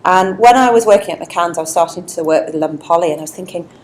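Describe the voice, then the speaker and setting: A woman's voice: lowish voice, quick pace, low-quality recording. A woman from Leeds, a chief executive telling her career story in a chatty, self-deprecating way at an on-stage interview, speaking into a wireless mic. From Leeds, England. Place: indoor networking event. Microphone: wireless microphone.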